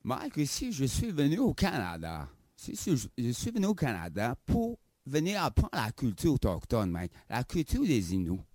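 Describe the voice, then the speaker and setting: In a comedy interview sketch, a man plays a silly, boastful African visitor to Canada, bragging in a giggly, playful way, repeatedly using the host's name and adding filler tags to his phrases. His medium-pitched voice swoops wildly, with a darkish tone. He speaks at a moderate pace with hardly any pauses in a dry recording.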